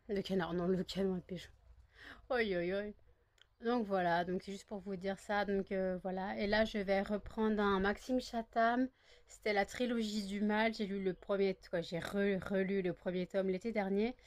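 A woman's voice: mid-range voice, a little mellow. A woman from France vlogging in a casual, rambling chat, with many fillers and restarts. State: groggy, just woke up. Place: outdoors in a garden, then at home.

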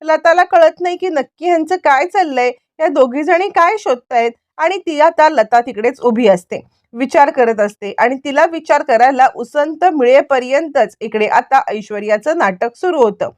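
High voiced woman recapping a tv serial, filler-heavy, very dry mic. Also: animated, normal speed, no room sound. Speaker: storyteller. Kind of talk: retelling a TV serial plot.

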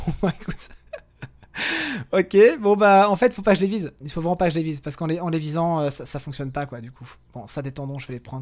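A man narrating his gameplay in a loose, chatty way, often stopping to correct himself and calling out to his companions. His voice sits a little high for a man. He turns quiet and hushed when his character sneaks. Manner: chatty, self-correcting, talks to viewers and game companions; drops to a hushed voice while sneaking. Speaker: gaming video host. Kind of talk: casual let's-play commentary.

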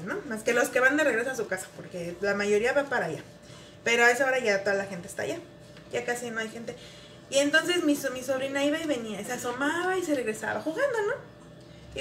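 A woman's voice: high-pitched, fairly bright tone, recorded from a distance, slight background noise. A woman and mother, chatting to her viewers in a casual, rambling way, with many fillers, while washing dishes at home. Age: adult, mother of a grown son. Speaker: vlogger. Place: home kitchen. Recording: roomy, off-mic, with dish clatter. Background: dishes, pots and pans clattering.

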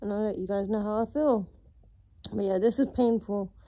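A young woman chats to her viewers in a casual vlog, her voice shaky and strained from pain. Her tone is soft and mellow, and she keeps talking at an even, everyday pitch. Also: normal speed. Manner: chatty, talks to viewers. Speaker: vlogger recovering from surgery.

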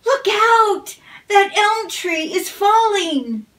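A cheerful, helpful storybook goose , as a woman reader puts her on, bright and eager with a high, lively voice. She cries out her warnings and lets her voice swing up and down. She sounds a little distant from the mic. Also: takes it slowly. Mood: alarmed.

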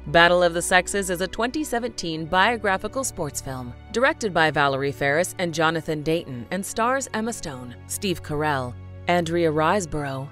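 A woman narrating a scripted video voice-over in an even, informative way. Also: fairly low pitch.

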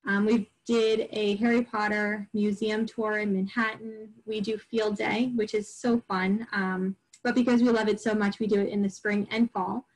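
A woman's voice: medium pitch, little pitch movement, moderate pace, few pauses, low-quality recording. Middle-aged woman presenting to parents; casual, rambling delivery with fillers. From Long Island, New York. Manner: chatty, many fillers and restarts. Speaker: homeschool group presenter. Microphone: recorded online program.

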